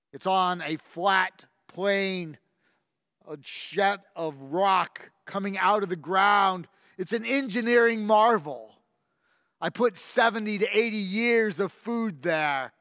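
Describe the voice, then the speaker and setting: An actor playing a boastful, ruthless ancient king in a first-person dramatic monologue, pompous and menacing, with slow drawn-out emphasis. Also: high voice, fairly bright tone, no echo, clean studio sound, long reverb tail, heavily acted.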